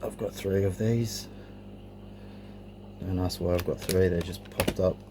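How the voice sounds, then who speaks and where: With a low, steady voice and a somewhat slow pace, a middle-aged man casually shows off his cassette collection off the cuff. He sounds a little unsure at times, and the home camera recording carries noticeable noise.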